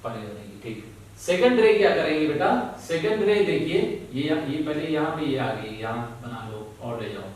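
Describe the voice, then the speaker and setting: A man teaching a physics lesson to students, speaking slowly, repeating key words and often checking that they follow. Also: fairly high pitch, animated, a little mellow. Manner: slow, repeats key words, keeps asking "ठीक है ना?"; calls students "बेटा". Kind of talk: classroom lesson. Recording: very echoey room, voice from far off.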